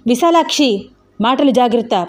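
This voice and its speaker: A woman's voice: on the high side, measured pace, lightly acted. A woman voicing a stern, dignified elder sister-in-law who scolds firmly in a spoken story. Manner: firm, scolding.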